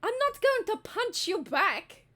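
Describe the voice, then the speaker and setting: Woman as vain male bard, high voice, flustered and defensive, fight-shy, tabletop role-play. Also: very animated, a little slow, pushed and bright, full character voice. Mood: indignant. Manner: flustered, protesting.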